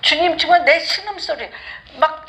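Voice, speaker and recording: A woman's voice: sits high, normal speed, sharp tone, rough recording. A woman pastor preaching a sermon with passion, acting out pleading prayers aloud. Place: church sanctuary.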